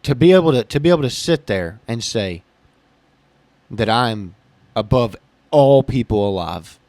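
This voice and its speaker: A man's voice: mid-range voice, lively intonation, a little slow, a little mellow, no echo. A man co-hosting a casual podcast chat who explains his views in a plain, matter-of-fact way, peppered with "literally" and "like", recorded in a small building. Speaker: podcast co-host.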